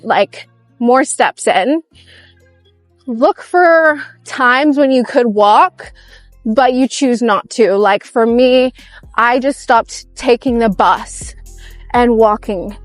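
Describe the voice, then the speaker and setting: A young woman chatting casually into her camera while out on a walk, upbeat and giggly. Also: a little high. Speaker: vlogger. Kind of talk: casual vlog chat while walking. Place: outdoors on a walk.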